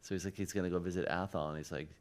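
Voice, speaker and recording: A man's voice: sits low, steady tone, very fast. A man hosting a casual interview, playfully tossing out jokey questions. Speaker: podcast host.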